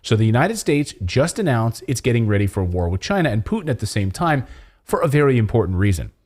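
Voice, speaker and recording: Animated, conspiratorial male news commentator. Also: mid-range voice, fast talker. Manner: conspiratorial, alarmed distrust of officials and media; sarcastic, mocking asides. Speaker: host of a political commentary show. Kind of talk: opinionated news commentary to camera.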